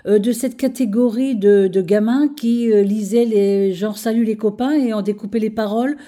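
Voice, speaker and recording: A woman hosts a radio interview. Her voice is mellow and warm-toned. She asks her questions in a friendly, familiar way. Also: medium pitch, moderate pace. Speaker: radio host.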